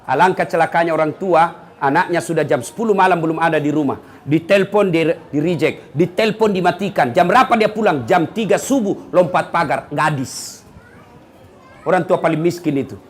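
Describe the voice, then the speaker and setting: High-voiced lively preacher man. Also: normal speed. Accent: Makassar. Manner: lively, teasing, mimics people he quotes. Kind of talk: humorous sermon.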